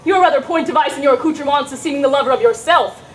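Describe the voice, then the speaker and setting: A woman's voice: high-pitched, very fast, natural voice. A woman playing a witty, teasing young woman disguised as a saucy youth, in theatrical, hammy Shakespearean stage comedy style. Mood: mocking, teasing.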